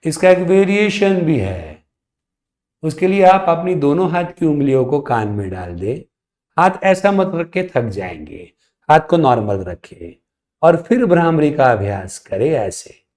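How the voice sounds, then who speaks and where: A man teaching a yoga lesson in a calm, deliberate way. He speaks very slowly, in a slightly high voice. The sound is roomy and echoey. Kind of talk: slow spoken yoga lesson.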